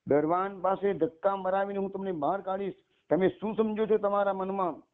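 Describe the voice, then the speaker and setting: A man doing a shrill furious lady of the house. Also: animated, moderate pace, natural voice. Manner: shrill scolding, hurls insults. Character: furious haughty mistress of a house, woman. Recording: tinny phone-like line.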